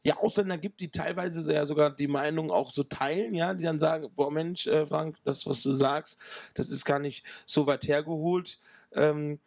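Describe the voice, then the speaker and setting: Hesitant man from Ghana, gravelly. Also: a little high, fairly even intonation, moderate pace, no room sound, studio quality. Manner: hesitant, many fillers. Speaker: interviewee. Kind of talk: outdoor interview. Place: outdoors in woods. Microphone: handheld mic.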